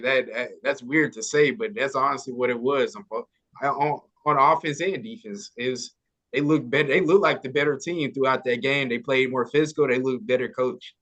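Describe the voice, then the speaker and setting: A man's voice: mid-range voice, fairly bright tone, rough recording. A man co-hosting a casual sports podcast, slangy and stumbling through restarts, calling people "bro.".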